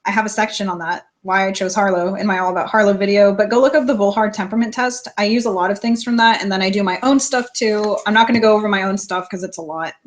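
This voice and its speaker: A woman's voice: mid-range voice, steady tone, quick pace, few pauses. Young woman, live stream host; plain-spoken, casual Q&A, laughs easily. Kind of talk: casual live stream chat, reading viewer questions.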